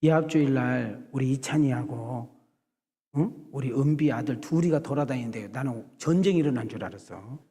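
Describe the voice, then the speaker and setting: A middle-aged male pastor preaching a conversational, joking sermon to his congregation, acting out scenes with shouted voices. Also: medium pitch, moderate pace. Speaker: senior pastor. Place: church sanctuary. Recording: long hall reverb in a church sanctuary.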